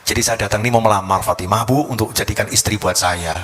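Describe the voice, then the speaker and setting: A man's voice: on the low side, steady tone, fast, a bit bright, voice pushed down. A man doing an earnest young student suitor. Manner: earnest, polite.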